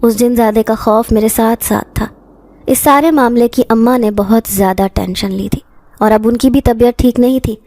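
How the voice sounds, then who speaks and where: Woman narrating a scary story, kinda high voice but mellow, dramatic. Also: steady tone, dry recording.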